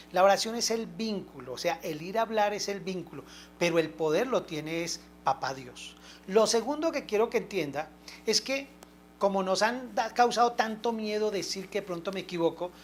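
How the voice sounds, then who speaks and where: A woman's voice: lowish voice, a little hiss or hum. An older woman preaching an informal, homely sermon, often checking that listeners understand.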